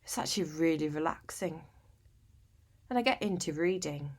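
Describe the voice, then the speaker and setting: Low and husky, with lively intonation and a moderate pace, a British woman acts out a confessional monologue in conversational style. She's a lonely, eccentric, sleep-deprived woman wryly matter-of-fact about her bleak existence, chatty, colloquial and self-deprecating, often using tag questions.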